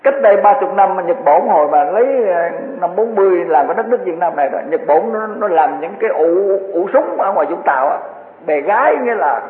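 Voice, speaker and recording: A man's voice: high voice, slight background noise. A man giving a Buddhist sermon, earnest and repetitive, full of vivid everyday examples. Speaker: Buddhist dharma teacher. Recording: tinny phone-like echoey hall.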